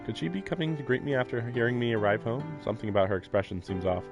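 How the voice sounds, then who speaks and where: With video game music playing in the background, this man reads out a visual novel's narration during a livestream and rambles through amused, casual commentary. His medium-pitched voice is gravelly and expressive, and he speaks in rapid-fire bursts.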